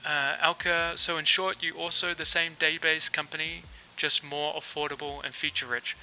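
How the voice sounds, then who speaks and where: Hosting a developer livestream, this New Zealander speaks at a normal pace in a slightly high voice with his native accent. He codes in a relaxed way, muttering his thoughts aloud with frequent fillers, and the rough recording has a little hiss or hum.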